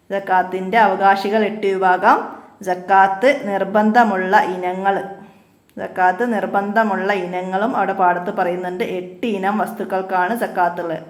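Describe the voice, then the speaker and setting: A woman teaching an exam revision lesson, asking each question and repeating every answer slowly, her voice dropping low on short reminders. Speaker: madrasa teacher. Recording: echoey room.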